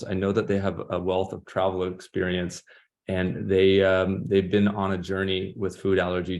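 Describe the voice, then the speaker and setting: A man hosting an online roundtable, talking upbeat with many fillers and restarts. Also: deep voice. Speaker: host of online panel. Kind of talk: casual moderating.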